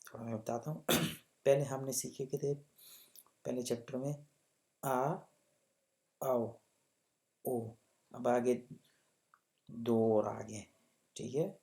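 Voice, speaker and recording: Slow, patient male language teacher. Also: mid-range voice, creaky, mellow. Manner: patient, checks understanding with repeated tag questions; repeats example words slowly for pronunciation. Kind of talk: explaining a textbook lesson.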